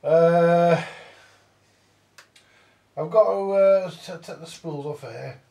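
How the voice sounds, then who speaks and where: Muttering to himself and letting out the odd swear, a British vintage audio repairer narrates his hands-on repair work casually. He speaks slowly in a warm, slightly high voice with vocal fry, and the recording has a distant mic and roomy echo.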